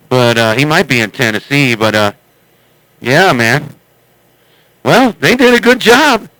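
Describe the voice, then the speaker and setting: Bright, clear, dry-voiced man rambling casually. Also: mid-range voice, no echo, poor audio. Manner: rambling, blunt and salty. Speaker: CB radio operator who records and uploads chats. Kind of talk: casual radio chat.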